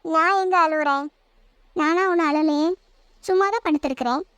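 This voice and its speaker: A woman's voice: sits high, normal speed, a bit bright, no echo. A woman voicing an irritable, heartbroken college-age older sister in a cartoon, who talks in a snappish, scolding way. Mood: irritated. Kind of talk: cartoon voice acting.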